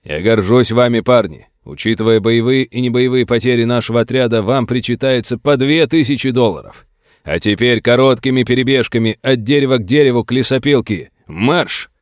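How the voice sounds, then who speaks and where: A man with a medium-pitched voice, pitched above his natural register and speaking a little fast, lightly acts the part of a tough middle-aged sheriff barking curt orders during a gunfight. The recording is clean studio sound with no room noise.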